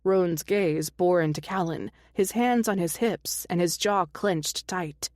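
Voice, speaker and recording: Audiobook narrator: woman, lowish voice, dead-dry booth sound, romance read. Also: takes it slowly, a little mellow, dry recording. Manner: reads every character herself, small voice shifts.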